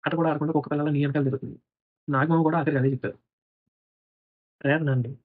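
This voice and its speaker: A man's voice: fairly high pitch, fairly even intonation, no room sound, narrow, tinny audio. A man giving opinionated, sarcastic commentary on a reality show in casual video style. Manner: opinionated, sarcastic, fast-talking.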